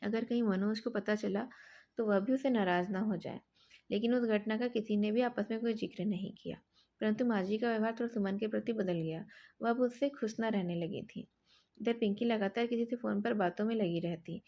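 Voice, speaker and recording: A woman narrating an audio story in a calm, steady reading voice. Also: on the high side, highs cut off.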